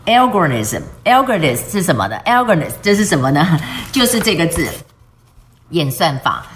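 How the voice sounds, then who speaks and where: A woman's voice: mid-range voice, a bit bright, slight background noise. A woman teaching English words from the news, spelling them out and asking questions she answers herself, often switching between Mandarin and English mid-sentence. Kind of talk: news-based vocabulary lesson.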